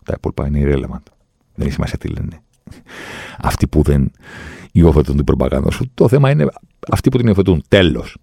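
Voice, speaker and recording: Man, low voice, dry close sound, insistent explainer. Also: lively intonation, gravelly, long pauses, warm tone, breathy edge, no room sound. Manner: explains rules insistently, acts out quoted voices. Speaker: football refereeing commentator. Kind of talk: opinionated talk-show monologue.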